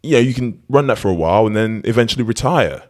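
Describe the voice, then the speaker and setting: An eager, persuasive rich businessman, as a man puts him on. He pitches his plan with enthusiasm, in a voice a little higher than the speaker's own deep one. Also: expressive, fast, natural voice.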